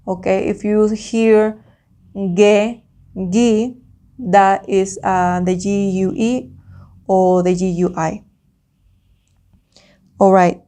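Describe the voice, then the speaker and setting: Spanish lady teacher w spanish accent doing slow dictation lesson, says words carefully n repeats them. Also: medium pitch, a little mellow. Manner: slow, deliberate, repeats words and sounds for the learner.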